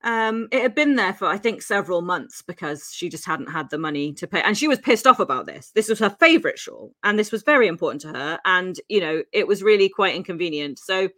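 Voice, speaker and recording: A Welsh-born woman co-hosts a podcast, recounting a true-crime story in a chatty style full of fillers and frequent laughter. Her fairly low voice is brisk and sharp, with lively intonation and few pauses, and her English carries faint Welsh traces.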